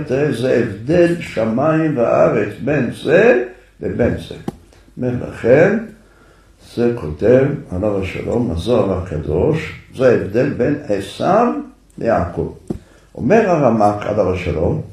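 Gravelly man telling a story in a sermon. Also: mid-range voice, sing-song, darkish tone. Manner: conversational, addresses listeners directly. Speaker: preacher. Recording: echoey room, far from the mic.

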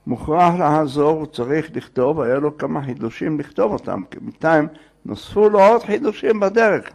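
A man telling a folk tale aloud in a lively, digressive way, acting out the characters. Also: a little high, vocal fry. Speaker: storyteller. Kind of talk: oral folk tale storytelling.

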